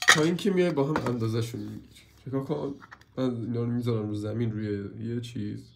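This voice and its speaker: A gravelly, hoarse man with a cold walks through a purchase in a casual hands-on review, grumbling and turning to the viewers for answers. His voice sits at an ordinary pitch with a steady fry. Clear noise runs under the whole recording. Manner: complaining, keeps asking viewers.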